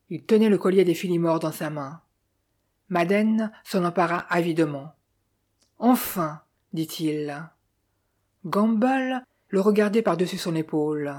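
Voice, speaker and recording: A woman reading a detective novel aloud with steady, even storytelling. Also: on the low side. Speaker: audiobook reader. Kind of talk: scripted narration.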